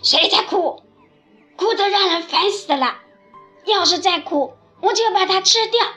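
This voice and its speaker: A woman voicing a grumpy rubber toy lion in a storybook, shouting loudly. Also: very high-pitched, unhurried, faint music behind, pitched above the performer's own voice, exaggerated voice. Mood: angry. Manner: roaring, shouting.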